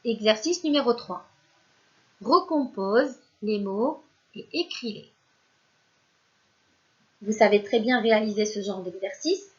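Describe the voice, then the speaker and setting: A woman's voice: medium pitch, animated, slow, pauses often, darkish tone, muffled recording. A woman teacher giving a recorded reading lesson to young children, sounding out syllables one by one and praising the pupils. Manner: speaks directly to the pupils as if they are present, praising them. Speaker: primary school teacher.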